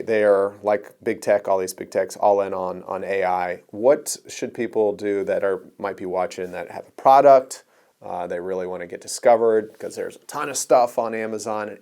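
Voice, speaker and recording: A man's voice: fairly low pitch, moderate pace, creaky, a little mellow. A man hosting a podcast, asking a guest questions in a loose, conversational way. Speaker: podcast host. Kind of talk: casual interview questions.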